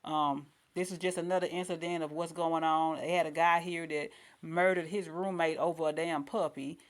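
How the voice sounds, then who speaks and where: A woman's voice: low-pitched, fairly even intonation, normal speed. A woman giving casual online commentary in a blunt, colloquial, repetitive way.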